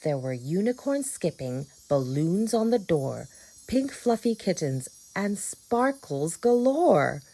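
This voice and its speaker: A woman reading a rhyming children's book aloud with an expressive, rhythmic delivery. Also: on the low side, takes it slowly. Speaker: storybook reader. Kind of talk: children's read-aloud narration.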